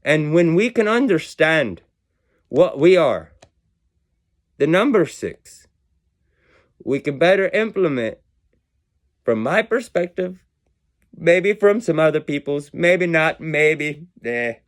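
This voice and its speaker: A man talks slowly through a meandering philosophical monologue, his voice pitched a little high and swooping widely up and down. He mocks himself as he goes, and his accent slips in and out. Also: big pitch swings. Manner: meandering, self-mocking, drifting in and out of a put-on accent. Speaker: video creator musing on numbers and words.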